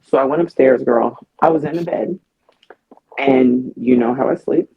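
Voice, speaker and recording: A woman co-hosting a podcast in casual chat, telling stories in an animated way with a husky voice. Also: a bass voice, normal speed, phone-quality sound. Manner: animated storyteller. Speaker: podcast co-host.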